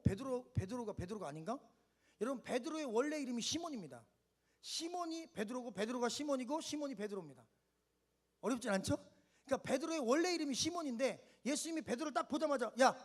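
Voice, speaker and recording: A man preaching a sermon at a winter camp, leading the congregation to repeat lines and answer amen. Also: very high-pitched. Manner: asks questions and answers them himself in short steps. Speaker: pastor.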